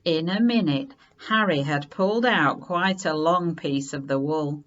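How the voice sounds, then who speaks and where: A woman reads a children's story aloud, expressive and unhurried with dramatic emphasis. Her voice sits low, and the highs are cut off.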